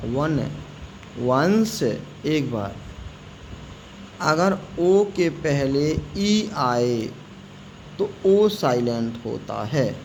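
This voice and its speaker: Very slow-spoken male teacher. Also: fairly high pitch, darkish tone, slight background noise, low-quality recording. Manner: slow, deliberate, spells words out letter by letter and repeats them. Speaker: English pronunciation teacher. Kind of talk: spoken classroom-style lesson.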